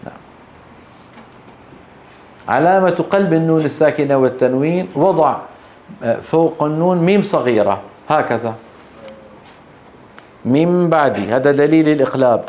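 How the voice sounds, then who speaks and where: A man's voice: on the high side, a little mellow. Teacher explaining to his class. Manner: explains step by step, quizzing students with quick questions. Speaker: Quran recitation teacher. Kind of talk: classroom lecture on tajweed.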